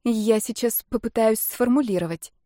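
A woman's voice: on the high side, warm tone, dry recording, pitched above the performer's own voice, natural voice. A bashful young woman, as a female narrator puts her on speaks in a raised, unsure voice, hurrying and trailing off in embarrassment. The audiobook reading sounds dry and close. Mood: hesitant. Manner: hesitant, embarrassed, hurried. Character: shy hesitant young woman, sister.

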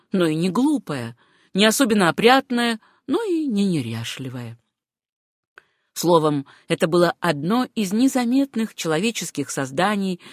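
Measured audiobook narrator, dry sound. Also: medium pitch, no room sound. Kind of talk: scripted narration of a novel.

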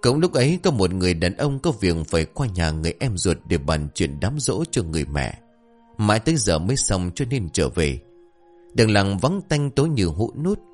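A male storyteller narrates a folk tale. His voice sits on the low side and rises and falls in a lively way. Soft music plays faintly underneath. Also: normal speed.

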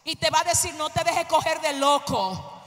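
A woman pastor preaches with fervor, her very high, bright voice often rising to a shout. She calls out to the congregation, and the sound rings through a large, echoey church hall with a long reverb tail. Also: normal speed. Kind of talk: Pentecostal sermon.

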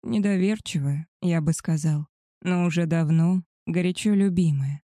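A woman voicing a male werewolf alpha, a tender and possessive lover, in a soft, husky murmur for an audiobook. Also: lowish voice, moderate pace, no echo, studio quality, natural voice. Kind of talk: audiobook character voice.

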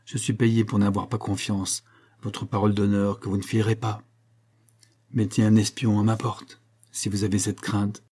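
A man's voice: lowish voice, level tone, moderate pace, darkish tone, breathy edge. Man doing a coldly taunting vengeful husband. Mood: ironic. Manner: taunting, ironic. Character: cold scheming vengeful husband, adult man.

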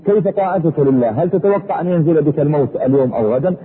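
A man preaching a sermon in a husky voice, fervent, his pitch sweeping up and down. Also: lively intonation, rapid-fire. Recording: echoey hall over a tinny phone-like line.

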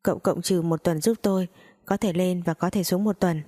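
A woman voicing a calm, matter-of-fact clinic doctor in a storybook reading. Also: fairly low pitch, normal speed, lightly acted.

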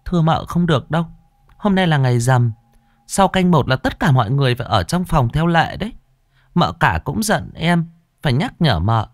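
A man's voice: fairly high pitch, very animated, normal speed, no echo, studio quality, pitched above the performer's own voice. A man putting on a timid, stammering young maid. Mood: pleading. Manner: stammering, pleading.

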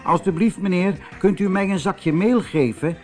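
A man's voice: high voice, normal speed, darkish tone, soft background music, pitched above the performer's own voice, natural voice. A man voicing a tiny, hungry little man in a storybook who begs politely. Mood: pleading. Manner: pleading, begging.

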